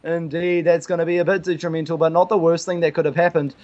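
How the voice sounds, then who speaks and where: A man giving esports color commentary in a relaxed, halting way with fillers, reacting fast to plays. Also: a little high, muffled recording. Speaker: esports caster.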